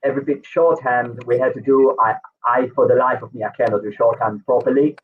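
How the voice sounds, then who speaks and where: Over a distant, tinny video call with faint noise, a thirties-aged man from Israel whose first language is Hebrew talks fairly quickly in a steady, mid-range voice with an Israeli accent. As an interview guest he tells his story casually and rambles, restarting often and using many fillers.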